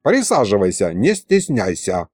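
A man voicing a calm, crafty old grandfather who drawls in folksy speech. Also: fairly low pitch, measured pace, slightly rough, dry recording, studio quality, pitched below the performer's own voice, full character voice.

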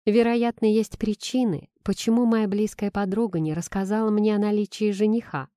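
A woman reading a storybook, voicing a suspicious, sharp-tongued young woman. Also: medium pitch, lively intonation, moderate pace, clean tone, no echo, studio quality, lightly acted. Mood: sarcastic, prickly. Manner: cool, sarcastic.

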